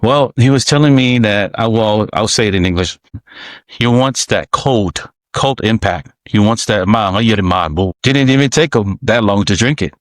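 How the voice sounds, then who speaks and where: A man from American Samoa hosting a podcast, telling stories in a relaxed, reminiscing way with halting restarts. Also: on the low side, no room sound. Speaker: podcast host. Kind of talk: casual podcast storytelling.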